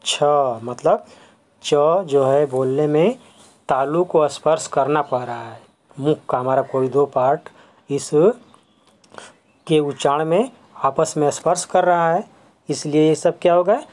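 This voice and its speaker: A school teacher walks through a grammar lesson at an unhurried, deliberate pace, at a middling pitch. Each term is said twice, with English words slipped in. Questions are put to the class and answered straight away. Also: darkish tone. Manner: explains step by step, repeating each term; asks the class quick questions and answers them. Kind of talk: classroom lesson on letters and sounds.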